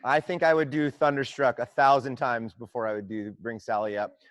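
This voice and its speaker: A young man coaching an online workout class, explaining squat technique and counting slow tempo reps aloud in an encouraging way. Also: mid-range voice, no room sound. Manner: encouraging, counts reps loudly in a steady cadence. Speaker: fitness coach. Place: gym.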